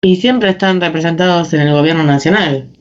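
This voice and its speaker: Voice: medium pitch, a little fast. Student chiming in on a muffled video call, mid voice, bit of noise. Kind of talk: answering in online class.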